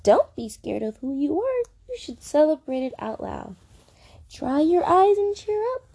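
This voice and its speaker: A gentle little storybook meerkat, as a woman reads him aloud, soothing and encouraging in a lilting rhyme. The voice sits high and swoops brightly through each line, unhurried. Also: very animated, vocal fry, full character voice. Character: kind gentle meerkat friend, small.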